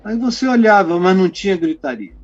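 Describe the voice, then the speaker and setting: An older man from the Amazon giving a conversational devotional talk, animated and sometimes dropping to a whisper, speaking into a phone microphone. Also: high voice, brisk, lo-fi sound, soft background music. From Amazonas, Brazil. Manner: conversational, animated, drops to a whisper to make a point. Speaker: preacher.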